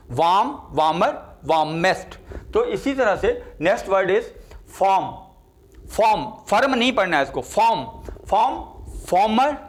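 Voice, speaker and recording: High-voiced older man teaching grammar. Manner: slow, repetitive drilling of word forms. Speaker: English teacher. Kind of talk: grammar lecture.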